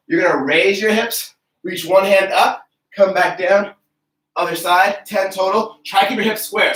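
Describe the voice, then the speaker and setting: A young fitness coach leads a live online workout, out of breath as he explains and demonstrates the moves in an upbeat, casual way. His voice sits high and a bit bright. The recording sounds distant, with a roomy echo.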